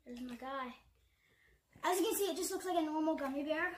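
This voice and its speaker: A woman's voice: high voice, brisk, slight background noise, rough recording. A young woman hosting a casual home challenge video, chatty and giggly as she tries spicy food. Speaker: vlog host.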